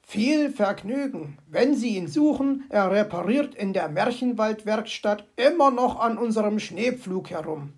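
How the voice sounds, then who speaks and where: List: woman as a grumpy fox, storybook, sarcastic, grumbling, husky voice. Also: mid-range voice, expressive, a little slow, hardly any pauses, darkish tone. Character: grumpy, sardonic old male fox.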